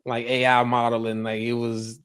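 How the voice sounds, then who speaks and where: A man co-hosting a casual book podcast, talking in a relaxed, slangy way and leading the chat between friends. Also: mid-range voice, normal speed, clean tone. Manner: relaxed, laid-back, uses slang. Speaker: podcast co-host.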